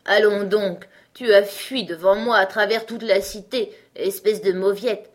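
A woman's voice: sits high, expressive, voice pushed up. A woman voicing a sleepy, lazy male lion who drawls and grumbles in a storybook reading. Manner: slow, yawning, grumbling.

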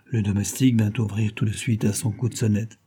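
Dark husky male audiobook narrator. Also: lowish voice, fairly even intonation, a little fast. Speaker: audiobook reader. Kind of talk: scripted narration.

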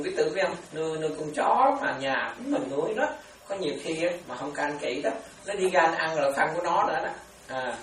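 A man, a monk, giving a chatty, animated dharma sermon full of stories and repetitions. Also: on the high side. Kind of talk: sermon with storytelling. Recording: echoey, distant mic, faint noise.

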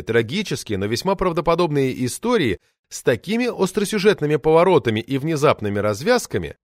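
Lively male audiobook narrator. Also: on the high side, no room sound, clean studio sound. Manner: lively, expressive, ironic. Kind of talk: first-person audiobook narration.

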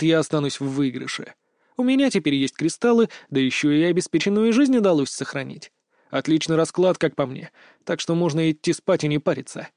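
A man's voice: on the high side, a little mellow, no room sound, studio quality. A man narrating first-person fiction as an audiobook reader, in a wry, smug manner.

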